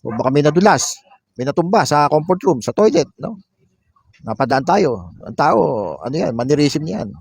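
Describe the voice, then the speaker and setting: In a classroom lecture mixing Tagalog and English, a man reads English definitions aloud and then explains them, frequently adding a questioning "no?". His voice is fairly high, sing-song, gravelly, darkish, and slightly rough, at a moderate pace with no room sound.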